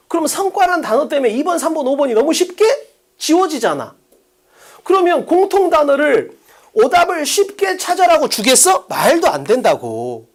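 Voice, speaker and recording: A middle-aged man teaching an English exam-prep class in a lecture studio, animated, drilling students with quick questions in casual speech. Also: very high-pitched.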